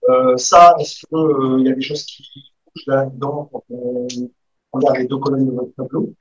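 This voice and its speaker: This audience member at a university academic discussion speaks at a moderate pace with fairly even intonation, stumbling and hunting for words while commenting and then asking a question. He has a medium-pitched, slightly breathy voice. The dry recording comes across dull and muffled.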